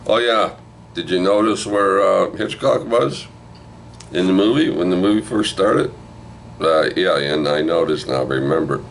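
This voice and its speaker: An older man with an extremely deep, low-pitched voice recaps a film for his video channel. He rambles loosely, swears freely and keeps checking in with the listener. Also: a little slow, gravelly, slight background noise. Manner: rambling and profane, with frequent "right?" asides. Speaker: movie review host.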